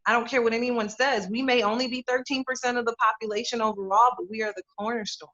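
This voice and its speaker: A woman's voice: a little high, steady tone, fast talker, a bit bright, dull audio. A woman beauty editor answering interview questions in an emphatic, conversational way, repeating her key words.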